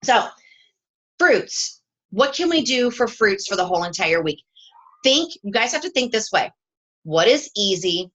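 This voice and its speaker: A woman's voice: medium pitch, sing-song, unhurried, long pauses, fairly bright tone, muffled recording. Upbeat woman coaching her team. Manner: upbeat and chatty, checking in with "okay?". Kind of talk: live coaching chat. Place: at home.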